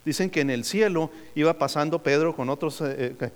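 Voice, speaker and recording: Higher-voiced pastor preaching in a reverberant hall. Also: male voice, normal speed, smooth. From United States. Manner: preaching, calling on the congregation for answers, joking asides. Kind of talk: sermon. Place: church sanctuary.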